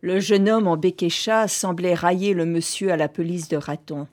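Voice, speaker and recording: A woman giving measured, composed scripted narration of a literary drama. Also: lowish voice, fairly even intonation, a little mellow.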